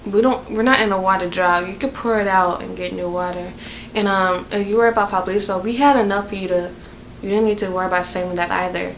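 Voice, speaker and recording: A woman's voice: mid-range voice, fairly even intonation, fast, slight background noise. A young woman with a Southern American accent telling a casual storytime vlog, chatty and venting, rambling with lots of fillers while at her workplace. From Southern United States. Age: young adult. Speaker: vlogger.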